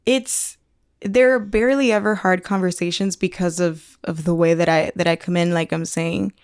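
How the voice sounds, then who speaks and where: A woman talks in a smooth, clear, fairly low voice, candid and blunt with plenty of "like" fillers. The sound is dry and close, with no room echo. It is casual podcast conversation. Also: fairly even intonation. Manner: candid and blunt, many "like" fillers, quick laughs. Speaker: event leader and podcast guest.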